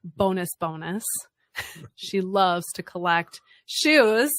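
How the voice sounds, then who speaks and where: A woman co-hosts a studio podcast in casual chat, giggly and chatty, laughing often and frequently trailing off to restart her sentences. Her voice is on the low side, expressive and a bit bright, she speaks slowly, and there's no echo.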